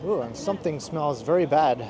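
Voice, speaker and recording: A man with a slightly high voice gives casual commentary as he leads a walking tour. He is recorded outdoors on a busy street, with clear city noise behind him. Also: expressive, brisk. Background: city traffic and street noise.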